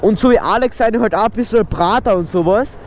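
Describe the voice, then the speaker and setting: A man's voice: high-pitched, a little fast. A young man with an Austrian German accent chatting loosely while riding a moped, rambling and slangy, laughing often. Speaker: motovlogger. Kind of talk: casual chat while riding. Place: outdoors on a moped in town traffic. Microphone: helmet-mounted action camera. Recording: engine and wind noise. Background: traffic and engine noise.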